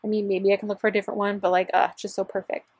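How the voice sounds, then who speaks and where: Speaking very fast at a medium pitch, this young vlogger keeps a level tone and a slightly dark timbre while bubbling over her shopping clips. It's a shopping vlog voiceover made in a parked car, and the recording is dry.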